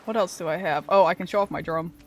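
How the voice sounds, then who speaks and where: A woman streamer chatting casually and excitably with friends while playing a pirate game, often laughing. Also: lowish voice, quick pace, slight background noise. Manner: giggly, scattered, excitable. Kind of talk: casual gaming chat.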